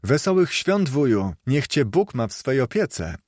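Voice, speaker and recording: A man voicing a cheerful, warm-hearted young nephew who calls out eager, bright exclamations, in a dry-sounding recording. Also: medium pitch, lively intonation, moderate pace, dry recording, close to an everyday voice. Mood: cheerful pleading.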